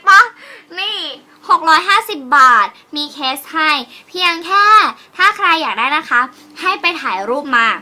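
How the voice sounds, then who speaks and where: A young woman chats fast and playfully as she shows off phone cases for sale, giggling now and then. Her voice sits high and sounds very bright. It was recorded on a phone camera, with a faint hiss behind it. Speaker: online seller vlogger. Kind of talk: casual phone-case selling vlog.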